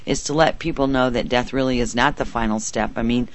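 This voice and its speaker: A woman's voice: very deep voice, steady tone, fairly quick. A woman presenting a radio talk show in an effusive, welcoming manner.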